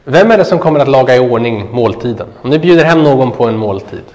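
A man preaching a sermon. He asks the listeners questions, answers them himself, and lets his voice drop low and soft at the ends of phrases. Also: lively intonation. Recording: dull sound with a long hall echo.

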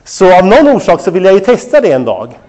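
A man preaching with an animated, storytelling delivery, his voice sitting a little higher than most men's. He turns to his listeners often with direct questions, a pastor in his thirties sharing a lesson from family life. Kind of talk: sermon on parenting.

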